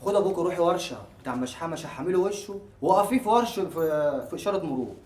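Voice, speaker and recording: Man playing a manipulative husband, Egyptian accent, rapid talk, slightly high voice. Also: expressive, darkish tone, lightly acted. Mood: smug. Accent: Egyptian Arabic. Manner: smug and plotting. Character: sly, manipulative young husband. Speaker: scheming husband. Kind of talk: web drama acting.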